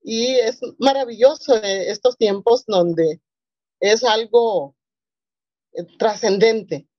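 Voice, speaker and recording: A woman's voice: fairly high pitch, takes it slowly, darkish tone, no room sound. Woman pastor from Colombia, earnest, rambling panelist, dull dry audio. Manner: earnest, rambling with many fillers. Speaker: presbyterian pastor. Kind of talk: panel discussion.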